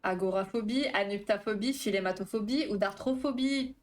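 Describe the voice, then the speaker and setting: A woman who works as a therapist is hosting a live stream, chatting casually with her viewers and reading their messages aloud. She talks fast and trips over her words. Her pitch is medium, and faint music plays behind her.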